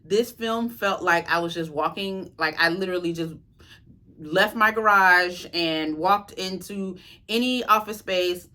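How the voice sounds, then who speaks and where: A woman from the US South, reviewing a series as an author in a chatty, expressive way with slangy asides. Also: lowish voice, measured pace. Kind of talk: casual spoken review.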